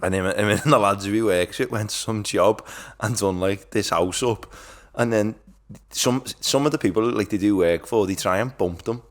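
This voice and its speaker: A man's voice: lowish voice, normal speed. A man hosting a podcast, telling stories in a blunt, sweary, casual way. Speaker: podcast host. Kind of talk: casual chat.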